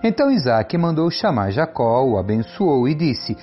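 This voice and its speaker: A man narrating a scripture reading in a steady, expressive way. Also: medium pitch, normal speed. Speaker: Bible reader. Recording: slightly dull audio with soft music bed.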